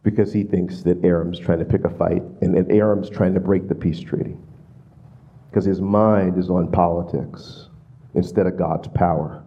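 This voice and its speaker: A man preaching a sermon as pastor, in an animated manner, often adding "right?" to his points. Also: low voice, normal speed, lo-fi sound.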